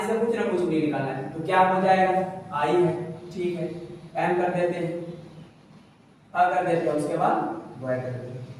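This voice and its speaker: High-voiced man teaching in an echoey room. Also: a little mellow, a little hiss or hum. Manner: repetitive, asks and answers his own questions. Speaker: English teacher. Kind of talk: classroom lesson explaining grammar. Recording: echoey room heard from a distance.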